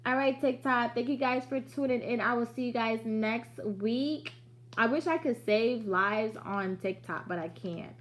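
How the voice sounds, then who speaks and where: On her casual business livestream, a woman in her late thirties speaks in a somewhat high, slightly bright voice without rushing. She's conversational and straightforward, motivating viewers and adding slangy asides.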